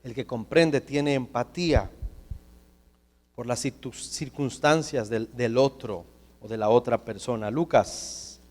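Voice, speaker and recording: A man's voice: medium pitch, a little slow. A male pastor preaching a sermon, telling stories animatedly and acting out the dialogue. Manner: storytelling, animated, acts out dialogue. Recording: long reverb of a church hall.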